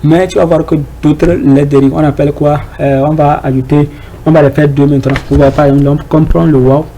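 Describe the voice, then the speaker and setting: A man teaching at a whiteboard in a flat, fairly high voice. His tone is mellow and he hesitates often, repeats himself and keeps asking rhetorical questions. A faint hiss runs under the recording. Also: a little fast, low-quality recording. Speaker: Arabic teacher. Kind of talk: informal whiteboard lesson.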